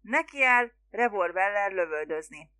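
A woman's voice: medium pitch, lively intonation, pushed and bright, no room sound. A woman reading the part of a pompous, sarcastic young man lecturing his family. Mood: lofty. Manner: sarcastic, lofty.

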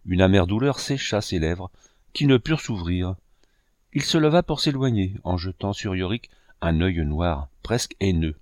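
A man giving a measured, solemn audiobook narration of a novel. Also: sits low, lively intonation, a little mellow, no echo, clean studio sound. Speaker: audiobook reader.

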